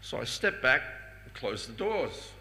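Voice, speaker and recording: An older man telling personal anecdotes to a festival audience, chuckling often and stumbling over repeated words when he gets excited. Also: medium pitch, slow pace. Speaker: speaker sharing personal memories. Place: festival hall before a live audience. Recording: reverberant hall with faint ambient noise.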